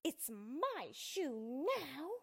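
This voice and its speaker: A woman voicing a wicked, menacing witch with hissing, drawn-out threats and shrieks for a children's storybook. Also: high voice, big pitch swings, gravelly, pitched above the performer's own voice, heavily acted. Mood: hissing, spiteful. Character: wicked old witch, menacing, gloating, shrieking female villain. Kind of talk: dramatised children's storybook reading.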